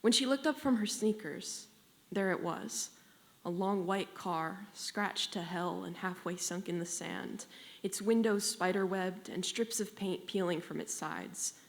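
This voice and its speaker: A teenage girl reading her own short story aloud, measured and unhurried in a literary way. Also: medium pitch, vocal fry. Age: teens. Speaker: young fiction writer.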